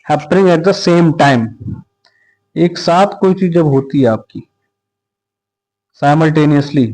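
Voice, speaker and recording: A man's voice: on the high side, very slow, darkish tone, poor audio. A man teaching exam vocabulary, mixing Hindi with words, repeating each term several times and spelling words out letter by letter. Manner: mixes Hindi explanation with English terms. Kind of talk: exam-prep vocabulary lesson.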